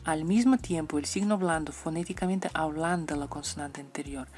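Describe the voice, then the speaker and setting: Woman teaching letters, deep-ish voice, says sounds over and over, soft music behind. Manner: repeats example sounds slowly, playful asides. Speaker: Russian language teacher. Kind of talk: explaining letters and their pronunciation.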